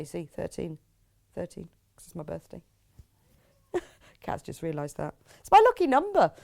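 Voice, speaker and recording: Her voice is fairly low and gravelly: a middle-aged woman from Britain, speaking British English, hosting a live craft shopping broadcast. She rambles informally, tosses in lots of tag questions, and reads out messages sent in by viewers.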